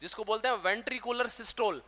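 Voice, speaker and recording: High, bright-voiced Hindi lecturer in a hall. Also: male voice, fast talker. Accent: Rajasthani Hindi. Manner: asks questions and answers them himself. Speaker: teacher. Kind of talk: classroom lecture. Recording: long hall reverb.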